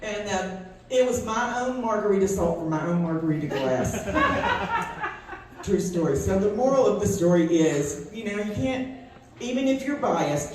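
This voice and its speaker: A middle-aged woman doing stand-up storytelling, chatty and self-amused, laughing often at her own tales. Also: lowish voice. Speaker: stand-up comedian. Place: comedy club stage. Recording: echoey room from distant mic with faint noise.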